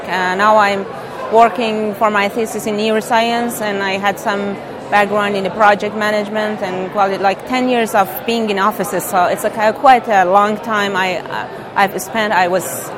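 A woman's voice: medium pitch, poor audio. A woman in her thirties from Iran, a student, answering interview questions hesitantly, searching for words. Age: 30s. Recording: crowd chatter behind.

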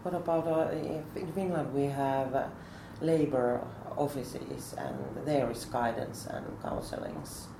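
A woman co-interviewing guests, asking halting, drawn-out questions. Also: very deep voice, lively intonation. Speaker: co-interviewer, project manager. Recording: echoey room with background noise, off-mic.

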